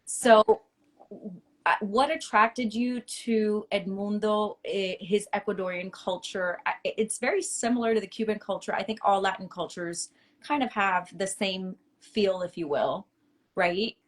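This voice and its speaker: A woman's voice: mid-range voice, measured pace. A talkative woman in her forties from Miami hosts a casual podcast interview. She asks long, leading questions in a familiar, friendly way. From Miami, United States. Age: 40s. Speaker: podcast host.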